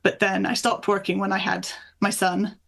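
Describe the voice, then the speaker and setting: A woman with a medium-pitched, flat voice and some vocal fry speaks at a normal pace. She's an author from the north of England and Michigan, USA, chatting casually in an interview and telling anecdotes in a conversational way.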